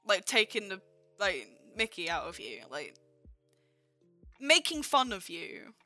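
Bright-voiced young woman. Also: medium pitch, big pitch swings, takes it slowly, soft background music. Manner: chatty, restarts and stammers, British slang. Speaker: podcast co-host, channel moderator. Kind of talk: casual chat.

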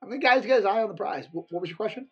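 A man's voice: sits high, lively intonation, very fast, noisy background. A man co-hosting a podcast in casual chat, opinionated and joking in his commentary. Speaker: wrestling podcast co-host. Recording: dull, lo-fi audio.

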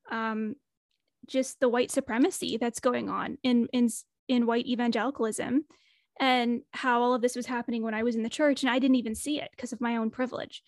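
On a clean studio recording with no room sound, a woman whose voice is on the high side talks as a podcast guest in a casual interview. She thinks aloud in a reflective, earnest way, her voice sounding worn as it starts to go.

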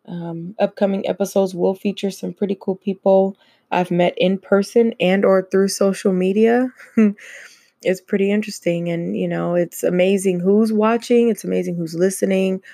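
A woman's voice: mid-range voice, fairly even intonation, normal speed, creaky, warm tone, dry recording, clean studio sound. A woman hosting her own podcast, talking casually and laughing often between many fillers. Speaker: podcast host. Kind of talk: casual solo podcast chat.

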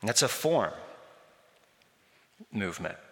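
A man's voice: fairly low pitch, very animated, slow, bright, forceful tone, big-room sound. A man preaching a sermon as pastor, in a conversational storytelling way, recorded in a church sanctuary.

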